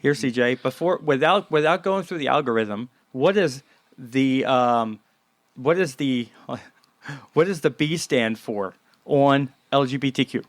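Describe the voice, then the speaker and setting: Baltimore guy cracking jokes on a podcast, mid pitch, super dry close mic. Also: unhurried, no echo. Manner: joking, teasing banter. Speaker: podcast host. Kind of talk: casual chat.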